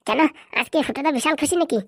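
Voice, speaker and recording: A woman's voice: high-pitched, fast, a bit bright, dry recording, studio quality. A woman voicing a naive, simple-minded young man in a comic cartoon, who asks eager questions. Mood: curious.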